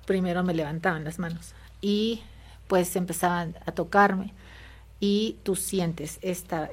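A Mexican woman telling a personal story in an interview, hesitant and full of fillers and tag questions. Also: fairly low pitch. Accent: Mexican Spanish. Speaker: interview guest.

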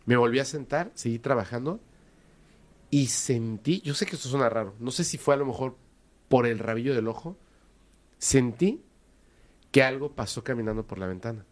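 A man's voice: mid-range voice, moderate pace, long pauses. Mexican man telling a story. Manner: animated, hesitant, repeats words for emphasis. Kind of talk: casual storytelling in conversation.

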